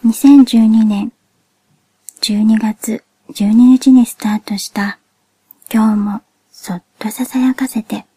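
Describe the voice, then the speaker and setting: A woman podcast host speaking a soft, whispered monologue in a cute, childlike anime-like voice, gently and politely. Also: on the high side, fairly even intonation, breathy edge, dry recording. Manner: gentle, polite, measured delivery.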